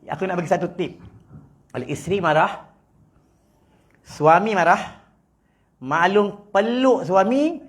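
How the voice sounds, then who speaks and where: A man with a Malaysian Malay accent giving a humorous religious lecture in a prayer hall, teasing his audience and swinging between loud and soft. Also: sits high, lively intonation, a little slow, long pauses. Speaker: preacher.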